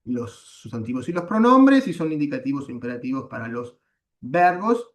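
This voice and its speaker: A man teaching a Latin class over a video call, explaining patiently with frequent "eh" and "em" pauses. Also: medium pitch, big pitch swings. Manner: patient, corrects students, fills pauses with "eh" and "em".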